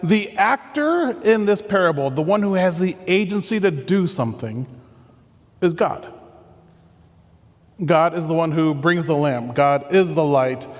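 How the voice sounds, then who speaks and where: A man pastor giving a conversational, earnest sermon that often drops into soft, reflective tones. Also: fairly high pitch, lively intonation, a little slow, in a large hall.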